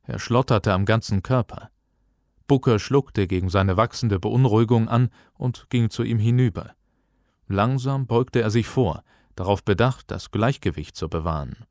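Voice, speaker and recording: Low-voiced male audiobook narrator. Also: normal speed, a little mellow, dry recording, clean studio sound. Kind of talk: scripted narration.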